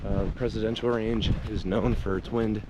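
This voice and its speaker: Low-voiced man trudging through snow, noisy wind. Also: fairly even intonation, normal speed. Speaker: hiking vlogger filming himself. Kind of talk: casual outdoor vlog talk. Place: outdoors on a snowy, windy mountain trail. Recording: windy, noisy outdoor action camera. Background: wind and outdoor noise.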